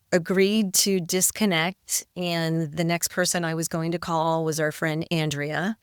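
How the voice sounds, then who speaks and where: Middle-aged woman guest, lowish pitch, smooth tone; reflective, hesitant. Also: no room sound, clean studio sound. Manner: reflective, hesitant with repeated words. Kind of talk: interview storytelling.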